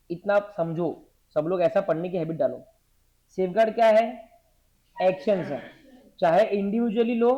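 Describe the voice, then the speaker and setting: A man's voice: high-pitched, mellow. Guy teaching, dictates notes n quizzes the class over and over, muffled recording. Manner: drills the class with repeated questions.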